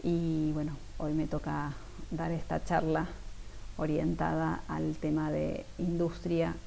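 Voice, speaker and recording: A woman's voice: sits low, monotone, slow pace, vocal fry, warm tone, a little hiss or hum, poor audio. An Argentine woman, an industrial designer, giving a conference keynote talk with many fillers and restarts. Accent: Argentine Spanish.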